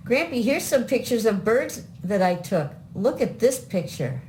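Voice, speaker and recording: A woman's voice: a little high, very animated, measured pace, dark tone. An older woman hosting a children's show, talking to young viewers with simple questions. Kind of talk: kids show host teaching colors. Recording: home recording with clear background noise.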